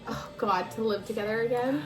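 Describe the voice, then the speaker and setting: A woman's voice: fairly high pitch, brisk. A woman in her twenties, drunk and giggly, chatting with a friend in a blurting, slightly muddled way with casual swearing. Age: 20s. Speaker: vlogger doing a drinking makeup challenge. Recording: echoey room, music behind.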